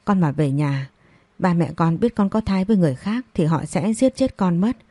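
A woman's voice: on the low side, animated, normal speed, dark tone, no echo. A woman voicing a young daughter-in-law in an audio story, speaking in a begging, desperate way. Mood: pleading.

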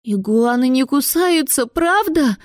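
A woman voicing a timid young boy with a squeaky, pleading voice in a storybook reading. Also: lively intonation, measured pace, no echo, studio quality. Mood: scared.

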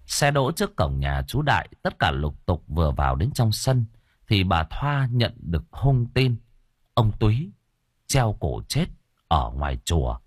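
A man's voice: fairly low pitch, a little slow, slightly rough, dry recording. A man narrating a ghost story dramatically. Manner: expressive, dramatic. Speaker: audiobook narrator.

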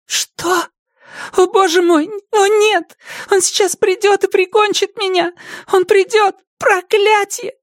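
A man voicing a frightened, tearful young woman in an audiobook, shrill and pleading. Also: normal speed, dry recording, studio quality. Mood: panicked. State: crying. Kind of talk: audiobook character reading.

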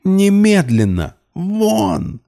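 A man voicing a spoiled, scheming young woman who talks in a shrill, shrieking way. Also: big pitch swings, moderate pace, dark tone. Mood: screeching. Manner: shrill, shrieking, mock-hurt.

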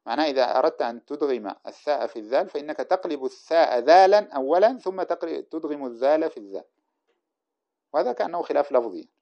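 A man teaching a classroom lecture, reading a grammar text aloud and explaining it line by line in a brisk, explanatory way. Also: a little high, expressive. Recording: dull lo-fi recording.

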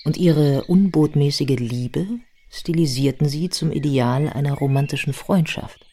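An actress plays a thoughtful modern biographer in a radio play, giving measured, articulate literary narration. Her voice is low and mellow, and the mood is reflective.

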